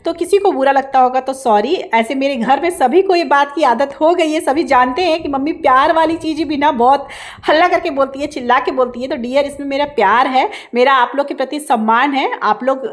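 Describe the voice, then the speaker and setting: A woman narrating her vlog as a voice-over, talking loudly and emphatically in a way that can sound like scolding, recorded without an external mic. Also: high voice, brisk. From India. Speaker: vlogger and housewife.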